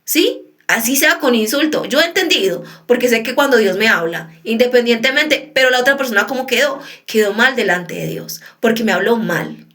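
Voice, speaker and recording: A woman preaching in a relaxed, conversational sermon. Her voice sits a little high for a woman. She keeps turning to her listeners with quick questions as she explains. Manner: conversational teaching, often checks in with listeners.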